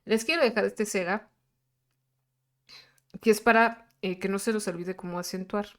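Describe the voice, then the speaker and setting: A woman teaches in a screen-recorded lesson. She speaks at a middle pitch and explains slowly and patiently. She pauses often and fills the gaps with hesitant sounds. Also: steady tone, fairly bright tone.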